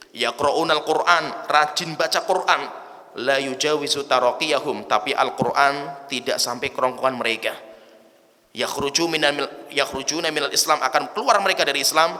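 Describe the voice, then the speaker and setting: A man's voice: mid-range voice, bright, forceful tone. A man preaching a colloquial religious lecture, retelling stories casually and reciting Arabic phrases between plain explanations. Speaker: Islamic preacher. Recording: long hall reverb.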